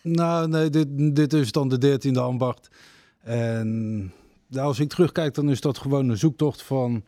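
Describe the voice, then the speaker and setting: Hesitant fifty-something man, dark voice. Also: medium pitch, measured pace, no echo, clean studio sound. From Netherlands, Groningen. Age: 50s. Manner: hesitant, many fillers. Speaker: deacon, radio guest. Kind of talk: casual radio interview.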